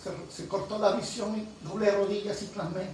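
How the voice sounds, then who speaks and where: A woman pastor preaching a fervent sermon, building to loud, emphatic peaks. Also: medium pitch, fairly even intonation, moderate pace, heavy reverb, distant mic, slight background noise, poor audio.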